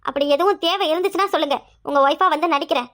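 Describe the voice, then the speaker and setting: A woman's voice: very high voice, rapid-fire. A woman voicing a proud, defiant young wife in a cartoon drama, answering back indignantly. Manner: indignant, sharp retorts.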